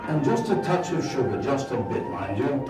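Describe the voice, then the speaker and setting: A man's voice: mid-range voice, big pitch swings, normal speed, loud music behind the voice, natural voice. A man playing a jolly, bumbling Christmas wizard doing stage magic for a live audience, theatrical and chuckling. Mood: playful. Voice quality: theatrical, sing-song, chuckling. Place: stage in a hall. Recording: roomy hall, from far off.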